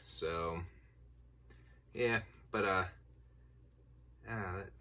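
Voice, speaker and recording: A man's voice: low voice, extremely slow, pushed and bright. A middle-aged man with an Appalachian hillbilly accent, rambling casually and folksily through a haul vlog. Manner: folksy, informal. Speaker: movie collector showing a haul. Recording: voice distant from the mic.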